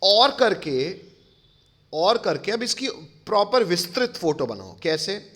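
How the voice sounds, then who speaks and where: A man's voice: high-pitched, very animated, slow pace, a bit bright. A man teaching a chemistry lecture, explaining step by step, calling his pupils kids and often checking whether they follow. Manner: addresses pupils affectionately as kids.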